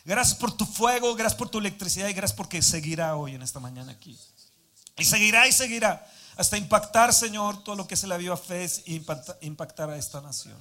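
A man preaching a sermon, moving from calm Bible reading to fervent shouted declarations, recorded live in a church hall. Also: high voice, fairly quick. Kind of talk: sermon with prayer.

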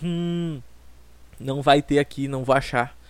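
A man's voice: mid-range voice, steady tone, measured pace, smooth, no room sound. A young man in his twenties from Brazil, hosting a solo comic podcast with a rambling, self-mocking and profane way of talking, close to the mic. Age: 20s. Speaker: podcast host.

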